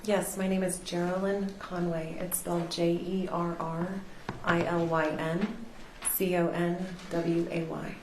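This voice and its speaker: A middle-aged woman with a slightly low voice explains things in a measured, precise way as an expert witness. She speaks into a witness stand microphone. It is a courtroom recording, roomy and echoing, with a faint hiss underneath. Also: level tone. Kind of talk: courtroom testimony.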